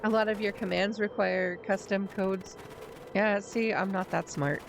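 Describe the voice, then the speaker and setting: A woman's voice: medium pitch, fairly even intonation, a little slow, vocal fry, background noise. A woman game streamer chatting casually with her viewers in a self-deprecating way. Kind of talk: casual livestream chat.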